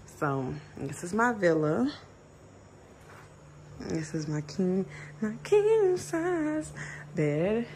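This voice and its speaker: Speaking very slowly with long pauses and big pitch swings, this twenty-something travel vlogger has a medium-pitched, slightly mellow voice, still raspy from just waking up. She films a chatty walkthrough of her resort villa bedroom on a phone held at arm's length, addressing viewers as "y'all," with a little hiss or hum.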